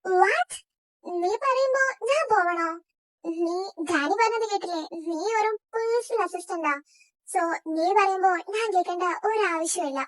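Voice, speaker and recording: A woman's voice: extremely high pitch, measured pace, no room sound. A woman voicing a haughty, spoiled young woman who talks down to the assistant. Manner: snobbish, dismissive.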